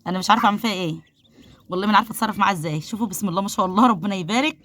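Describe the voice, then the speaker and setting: A woman's voice: mid-range voice, very fast, fairly bright tone, a little hiss or hum. A woman with an Egyptian accent, vlogging casually from her poultry coop, chatty and devout, full of blessings. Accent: Egyptian Arabic. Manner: nervous, laughing while handling a biting duck. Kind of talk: casual vlog, talking to viewers. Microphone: phone held while filming.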